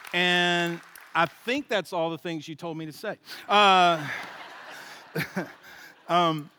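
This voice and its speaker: Animated male guest preacher, comic storyteller, bright tone. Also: high-pitched, extremely slow, a faint crowd, a little hiss or hum. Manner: animated, joking, laughs at his own story. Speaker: guest speaker at a church. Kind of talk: humorous storytelling sermon.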